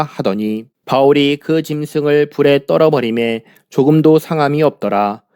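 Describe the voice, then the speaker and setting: A man reading scripture aloud for his church in a steady, measured way. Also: fairly high pitch, clean tone, no room sound, clean studio sound. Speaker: church Bible reader.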